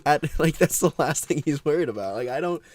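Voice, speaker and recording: A man's voice: a little high, lively intonation, brisk, a little mellow. A young man co-hosting a casual podcast, rambling, laughing often and trailing off mid-sentence. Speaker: podcast co-host.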